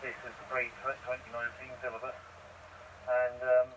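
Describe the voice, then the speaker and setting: A man's voice: medium pitch, completely flat delivery, moderate pace, background noise. A man with an Essex accent running an amateur radio net, chatting casually with many fillers. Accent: Essex English. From Essex, England. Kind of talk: amateur radio chat with call signs. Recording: distant, muffled radio transmission.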